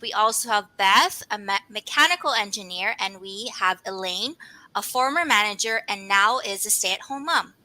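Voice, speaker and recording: A woman's voice: mid-range voice, expressive, moderate pace, sharp tone, rough recording. A woman from the Philippines, a panelist introducing herself and others steadily.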